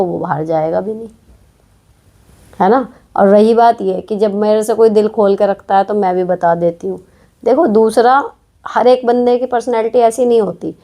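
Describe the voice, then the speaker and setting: A woman's voice: mid-range voice, dark tone. A woman hosting an advice show, answering viewer questions in casual, frank talk with many tag questions. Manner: direct, frank, chatty, with frequent tag questions.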